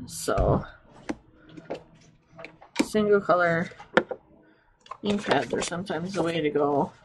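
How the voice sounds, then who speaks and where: A woman's voice: on the low side, lively intonation, takes it slowly, noisy background. A woman hosting a casual craft tutorial, chatty and explaining as she works, sounding slightly congested and sniffly. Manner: chatty, explains while working. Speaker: craft video host.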